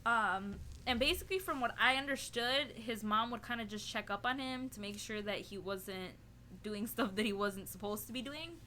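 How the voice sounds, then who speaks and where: A young woman with a high, bright voice tells a story for her vlog. She leans on "like" and "you know" constantly and retells it in an animated, giggly way. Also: moderate pace, a little hiss or hum. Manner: chatty, heavy on "like" and "you know". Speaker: vlogger. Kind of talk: casual storytelling to camera.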